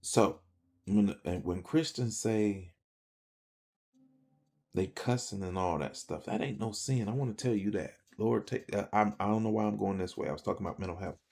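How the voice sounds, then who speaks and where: Gravelly, husky man telling his story. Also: lowish voice, normal speed, darkish tone. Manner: emphatic, slangy, rambling storyteller. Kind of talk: personal testimony to camera. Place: speaking to a camera.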